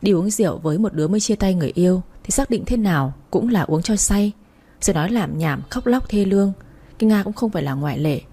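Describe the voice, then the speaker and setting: A woman's voice: mid-range voice, expressive, quick pace, dark tone, husky. A woman narrating a first-person story in a blunt, wry way.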